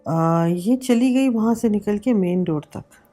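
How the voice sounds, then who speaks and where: A woman vlogger telling a personal horror story in a casual way, slipping English words into her talk and going unhurried and hushed at the tense moments. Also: medium pitch, soft background music.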